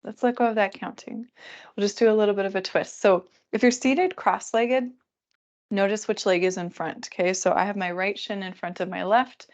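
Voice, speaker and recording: A woman teaching a restorative yoga class, calmly counting breaths and giving relaxed, chatty cues. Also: medium pitch, normal speed.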